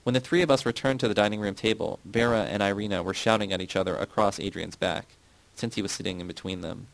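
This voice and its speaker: Casting: male audiobook narrator, low, gravelly, dry close sound. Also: fast talker, no room sound, rough recording. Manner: steady first-person reading. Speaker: audiobook reader. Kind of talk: scripted narration.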